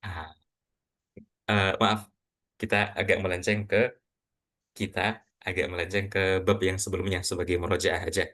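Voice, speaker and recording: Man, Quran reading teacher, low voice, patient, asks questions, slow recitation. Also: little pitch movement, a bit bright. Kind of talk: online class teaching.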